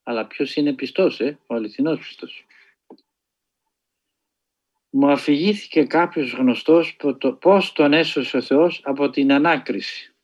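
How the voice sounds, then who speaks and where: A man telling a spiritual story in a sermon style, earnest and measured, with dramatic pauses. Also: on the high side, a little mellow, lo-fi sound. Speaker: preacher.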